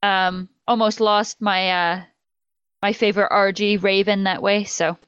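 A woman's voice: mid-range voice, little pitch movement, a little slow, fairly bright tone, clean tone, no room sound. A woman in casual podcast chat, rambling with frequent "um" and "like". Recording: slightly muffled lo-fi sound.

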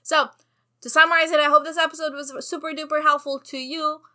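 Super bright highish-voiced woman doing a podcast, chatty, wired like she's had too much coffee. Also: level tone, a little fast. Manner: hyper, over-caffeinated high energy; chatty, emphatic, addressing listeners familiarly. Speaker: podcast host. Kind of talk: solo podcast advice talk.

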